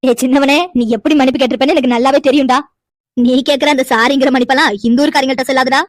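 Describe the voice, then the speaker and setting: Woman voicing a fast-talking cartoon granny, bossy old village woman, high-pitched, dry close sound. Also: fairly even intonation, no room sound, close to an everyday voice. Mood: warning. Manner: scolding, teasing, quick-talking. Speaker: grandmother. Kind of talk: cartoon voice acting.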